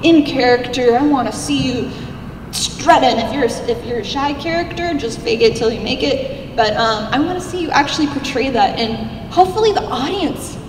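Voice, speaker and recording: A young woman with a squeaky little voice, a cosplay contest judge, gives an upbeat, chatty panel talk at normal speed, seated at a stage table in a large convention hall. She speaks into a handheld mic, but a far-off camera records her, so the hall sounds echoey and the background is noisy.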